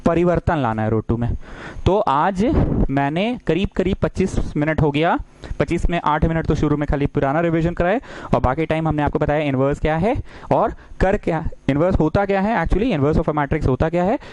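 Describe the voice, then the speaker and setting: A man's voice: on the high side, noisy background. A man teaching math in a lecture, playful and full of questions, acting out little dialogues. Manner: playful, acts out little dialogues, keeps asking students questions. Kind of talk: classroom-style lecture.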